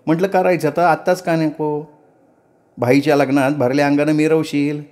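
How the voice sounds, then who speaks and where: A man's voice: on the high side, level tone, normal speed, a little mellow, voice pushed up, natural voice. A male storyteller voicing an elderly lady of the house who talks in a chatty, fondly chiding way. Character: fussy elderly lady of the manor.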